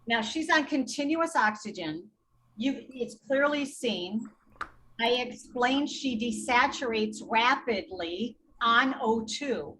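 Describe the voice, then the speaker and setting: A patient advocate appearing as a podcast guest, this woman tells the story of a tense hospital episode with indignation, voicing both sides of the exchange in quoted dialogue. Her slightly high, fairly bright voice moves slowly with lively intonation, captured in a low-quality recording with slight background noise.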